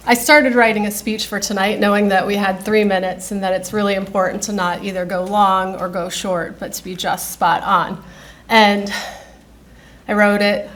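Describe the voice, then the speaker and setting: A woman's voice: mid-range voice, fairly bright tone. Conversational American woman speaking off the cuff. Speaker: candidate and lawyer. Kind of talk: off-the-cuff candidate's opening remarks.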